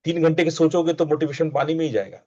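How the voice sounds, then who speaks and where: A man's voice: a little high, fairly even intonation, fast talker, mellow, no room sound. Male spiritual teacher, coaxing conversational discourse, repeats himself for emphasis; dry, dull recording.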